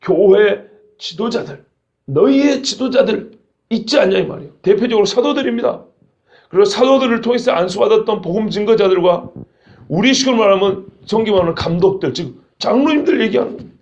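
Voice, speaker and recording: A man with a high-pitched voice preaches a sermon, pressing his points with earnest emphasis and asking the congregation rhetorical questions. He sounds middle-aged. The recording is muffled and lo-fi. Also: animated, fairly quick, a little mellow. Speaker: pastor.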